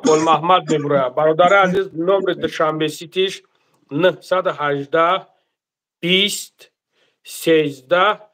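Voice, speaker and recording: A man with a Tajik accent hosting a live stream, pleading with viewers for donations and reading out numbers slowly. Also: fairly high pitch, fairly bright tone.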